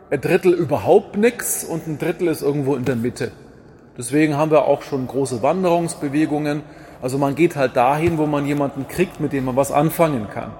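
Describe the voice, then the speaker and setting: Guy preaching a sermon, kinda high voice, punchy rhetorical lines and little jokes thrown in, faint hum behind. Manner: lively, rhetorical, with wry asides and repeated refrains.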